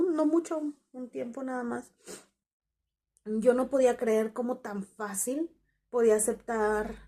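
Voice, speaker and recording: A woman's voice: a little high, darkish tone. A woman, candidly telling the story of her breakup to her viewers. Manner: candid, conversational, quotes past dialogue. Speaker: vlogger. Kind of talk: confessional storytelling.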